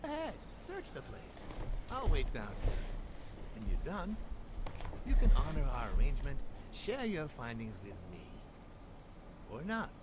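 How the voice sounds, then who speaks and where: A man's voice: fairly high pitch, huge pitch swings, normal speed, pauses often. An actor playing a suave, calculating man in a noir video game, formal and insinuating. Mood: smooth, insinuating. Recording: game audio with clear background noise.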